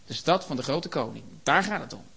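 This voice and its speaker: Impassioned high-voiced preacher man. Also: animated, brisk, creaky, slightly rough. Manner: impassioned, builds to shouts and rhetorical questions. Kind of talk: sermon.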